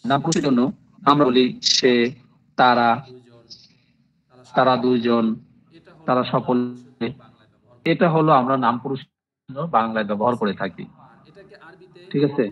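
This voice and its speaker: A man's voice: medium pitch, measured pace, pauses often, fairly bright tone, dull audio. A man teaching Arabic grammar in an online class, repeating terms for drills and often checking with "ঠিক আছে?".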